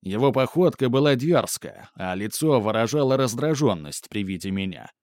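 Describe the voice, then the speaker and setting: A man narrating a first-person story in a calm, matter-of-fact, slightly smug manner. His voice sits at an ordinary middle pitch. The recording is dry and close, with no room echo. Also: moderate pace. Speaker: audiobook narrator.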